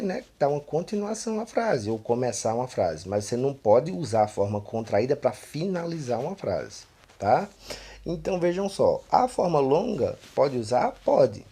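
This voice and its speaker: A man's voice: fairly high pitch, mellow, slightly rough. A man from Pernambuco with a Northeastern Brazilian accent, teaching an online English lesson and filling his explanations with "né" and "tá". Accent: Northeastern Brazilian Portuguese. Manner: explanatory, repeats "né" and "tá" constantly.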